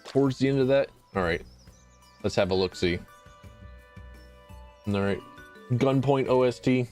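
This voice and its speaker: A man's voice: medium pitch, measured pace, a little mellow. Young man streaming, rambling chatter, self-deprecating, swears a lot, faint music behind. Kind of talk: casual live-stream chat.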